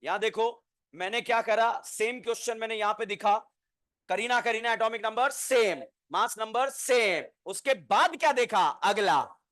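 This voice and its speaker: Lively, high-voiced male chemistry teacher. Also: measured pace, dry recording, clean studio sound. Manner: asks the class questions and counts answers; uses playful name mnemonics. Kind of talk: classroom lecture. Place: classroom.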